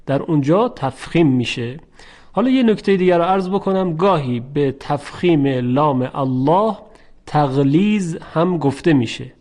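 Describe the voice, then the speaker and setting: Man, recitation teacher, slightly high voice, slow drawn-out examples, brisk explanations. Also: a little mellow. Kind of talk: Quran recitation lesson.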